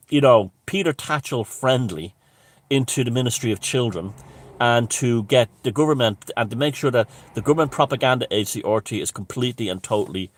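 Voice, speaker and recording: Irish male commentator, mid-pitched and emphatic, opinionated off-the-cuff monologue, profane, very dry acoustic. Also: no echo. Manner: emphatic, profane, with broken restarts.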